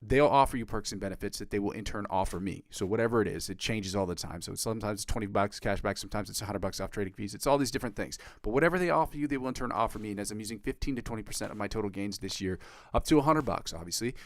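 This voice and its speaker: In a dry recording, a congested guitar livestreamer talks rapid-fire during a casual stream. He rambles, leans heavily on fillers, and keeps an upbeat pitch toward his viewers.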